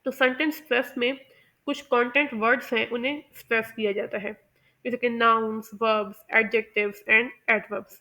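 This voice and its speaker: A woman with a fairly high voice gives a lesson on pronunciation. She explains step by step in a measured way and often stops to say "uh". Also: little pitch movement, bright, forceful tone. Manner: measured and explanatory, with many "uh" pauses. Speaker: English pronunciation teacher.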